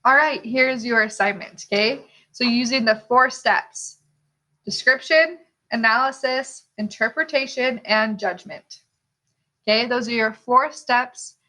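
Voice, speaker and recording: A woman with a fairly high, very bright and forceful voice delivers an instructional lesson. She speaks as a teacher would, putting questions straight to the listener and checking that each point has landed. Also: a little slow, rough recording. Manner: rhetorical questions, checking in with "okay". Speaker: art teacher.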